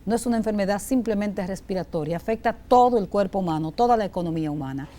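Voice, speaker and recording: A woman's voice: medium pitch, quick pace, warm tone. A woman hosting a health talk show, speaking conversationally and correcting herself often. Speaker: host.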